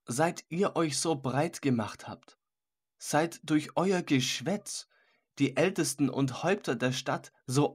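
A man voicing a grave, sorrowful old man who speaks with solemn reproach, in a husky voice. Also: mid-range voice. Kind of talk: audiobook character voice.

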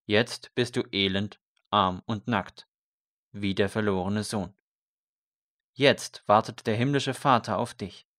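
A man's voice: fairly low pitch, slow pace, dry recording, studio quality. A man voicing a fervent male priest who urges a condemned prisoner toward faith with earnest intensity.

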